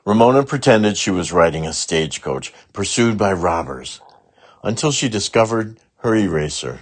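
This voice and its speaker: With a low voice carrying a breathy edge, this male narrator reads a children's book aloud, expressive and dramatically stressing his words.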